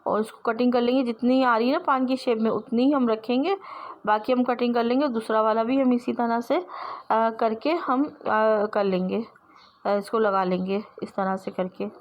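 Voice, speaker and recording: A woman's voice: fairly high pitch, steady tone, normal speed, dull audio. A woman teaching sewing step by step, explaining patiently and repeating herself as she works with her hands.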